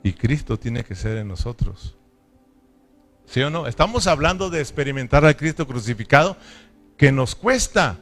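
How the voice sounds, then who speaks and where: A man's voice: mid-range voice, very animated, normal speed, a bit bright, soft background music. A man preaching a sermon as pastor, emphatic and often asking his listeners for agreement. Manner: emphatic preaching with repeated call-and-response questions.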